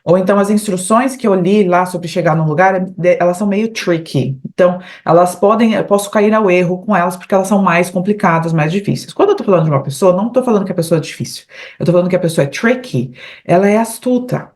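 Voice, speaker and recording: With a fairly low, darkish voice, a Brazilian woman speaking with a Brazilian Portuguese accent teaches English online. She explains things patiently, repeats English phrases slowly, and regularly closes phrases with "né?" and "tá?".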